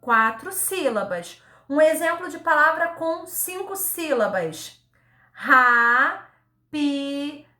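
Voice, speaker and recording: Lady teacher talking to little kids, high bright voice, slow and patient, sounds words out, keeps saying tá?, echoey room. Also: sing-song. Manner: ends phrases with a checking "tá?". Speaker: primary school teacher. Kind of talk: recorded remote lesson for young children.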